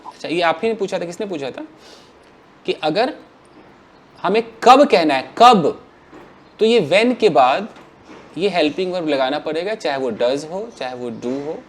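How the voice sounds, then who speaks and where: A man teaching English grammar to a class, asking questions and answering them himself in an animated way. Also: high-pitched.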